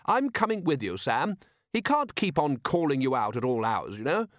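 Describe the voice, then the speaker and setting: A man voicing a brisk, kindly aristocratic lady in an audiobook, bright and fussing. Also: medium pitch, big pitch swings, no echo, studio quality, voice pushed up. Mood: firm.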